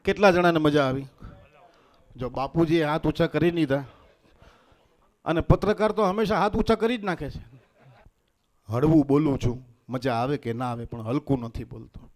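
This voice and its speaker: A man, a stage comedian and mimic, talking in a lively, teasing way and drawing the crowd in. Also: on the high side, moderate pace, long pauses. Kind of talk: stand-up comedy at a religious gathering. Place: stage at a festival gathering.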